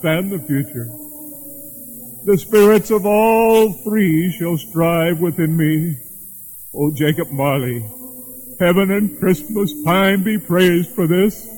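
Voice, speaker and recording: A man's voice: on the high side, a little mellow, rough recording. A man playing an old miser who pleads with a spirit and then bursts with giddy joy at being changed. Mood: pleading remorse. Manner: pleading, then overjoyed and breathless with laughter.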